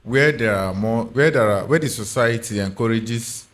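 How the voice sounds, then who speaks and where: A man's voice: mid-range voice, normal speed. A man with a Nigerian accent giving his opinions emphatically on a podcast panel in Pidgin and English, often checking he is understood.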